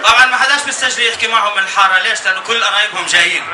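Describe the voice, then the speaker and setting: A man with a Jordanian accent doing stand-up comedy as an animated, escalating rant, telling stories and acting out bits. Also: sits high, racing. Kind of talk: stand-up comedy about weddings. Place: live comedy show before an audience. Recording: echoey live venue, distant, noisy laughing crowd.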